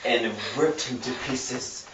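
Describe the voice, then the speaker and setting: Someone with a medium-pitched voice reads a novel aloud slowly and casually, giggling in a mock-dramatic way. The recording is roomy, muffled and noisy from a distant mic.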